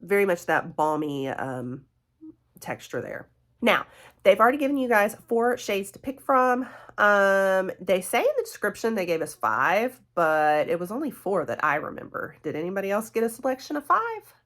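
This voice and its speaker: Stuffed up from a cold, this woman reviews products for her beauty vlog in a friendly, chatty way, laughing, using fillers and addressing viewers as guys and y'all. Her mid-range voice is very animated and fairly bright, at normal speed.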